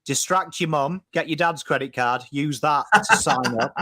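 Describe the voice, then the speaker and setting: A man's voice: fairly high pitch, normal speed, pushed and bright, no echo. A man with an English accent, a guest YouTuber joking and chatting on a live stream. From England. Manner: joking, hypes the audience. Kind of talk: casual live-stream chat.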